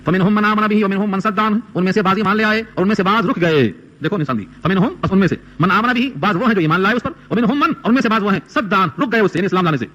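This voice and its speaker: A man delivers a Quran commentary lecture in a high, bright voice. He recites a verse, then unpacks it with questions to his listeners. The sound has a broadcast, radio-like quality. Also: lively intonation. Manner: recites Arabic verses, then explains them in Urdu with rhetorical questions. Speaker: Quran teacher.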